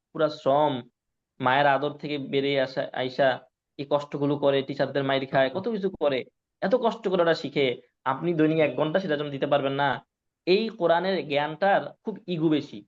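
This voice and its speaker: A man teaching Quran recitation to a class, drilling syllables and often checking whether his students follow. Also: a little high. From Bangladesh. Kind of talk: classroom lesson. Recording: dull lo-fi sound.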